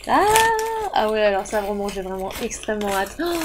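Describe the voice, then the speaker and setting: A woman's voice: mid-range voice, animated, brisk, heavy background noise. A thirty-year-old woman, a book reviewer, chatting enthusiastically while unboxing parcels. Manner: chatty and enthusiastic, often says "justement" and "effectivement". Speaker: book reviewer and channel host. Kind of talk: casual unboxing chat.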